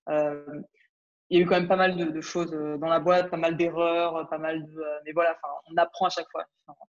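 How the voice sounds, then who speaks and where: A French woman in her twenties, a startup founder appearing as a podcast guest, talks casually in an interview with a low-sitting, level voice at a slightly fast pace. She is hesitant, full of fillers and restarts, and the audio sounds dull.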